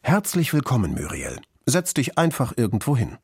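A man voicing a kind, polite female teacher who speaks formally and patiently, with a husky voice. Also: medium pitch, huge pitch swings, normal speed, darkish tone, no echo, voice pushed up, full character voice. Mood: friendly.

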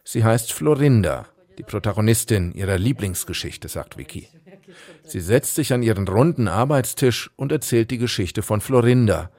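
A man narrating a documentary in the first person as reporter, calm and reflective. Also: lowish voice, moderate pace.

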